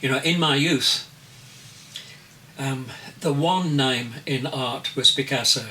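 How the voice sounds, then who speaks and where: A man in his eighties, an artist answering interview questions in a slow, deliberate way as he searches for his words. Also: medium pitch, sharp tone. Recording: distant mic with faint noise.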